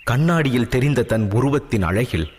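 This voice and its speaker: A man narrating a story in a lively, animated scripted manner. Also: mid-range voice, moderate pace, husky. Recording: long hall reverb, faint music.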